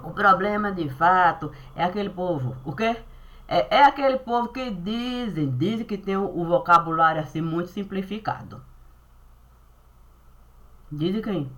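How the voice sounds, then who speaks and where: A Brazilian woman with a bright, forceful voice rambles through a spiritual monologue into her webcam. She meanders and repeats phrases over and over, speaking to God as she goes. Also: on the low side, normal speed. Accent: Brazilian Portuguese. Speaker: vlogger.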